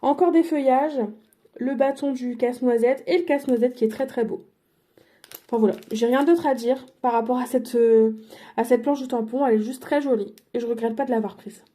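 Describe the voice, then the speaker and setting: A woman's voice: on the high side, steady tone, brisk, mellow. A woman showing her craft purchases in a casual vlog, chatty and hesitant, with many fillers and self-corrections. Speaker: crafting vlogger. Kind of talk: casual product haul.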